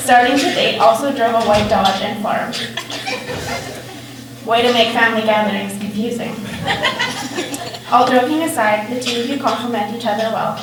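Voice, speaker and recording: A young woman giving a sincere, affectionate prepared wedding toast, as the sister of the bride. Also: fairly high pitch. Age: young adult. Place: large echoey indoor reception room, mic far away. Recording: very echoey, distant, noisy event hall.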